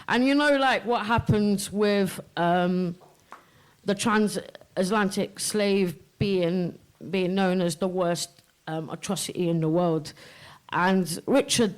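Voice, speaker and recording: A woman's voice: medium pitch, darkish tone, poor audio. A woman poet from Kashmir, a guest at a live event before an audience, talking candidly and bluntly and swearing freely. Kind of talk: candid live stage chat.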